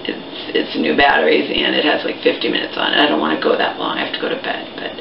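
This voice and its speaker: A woman's voice: a bass voice, big pitch swings, normal speed, creaky, background noise. A young woman in a casual rant to camera from her home kitchen, emphatic and repetitive, often stopping to ask "okay?". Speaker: vlogger. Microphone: camera mic from across the room. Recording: roomy, distant, dull camera audio.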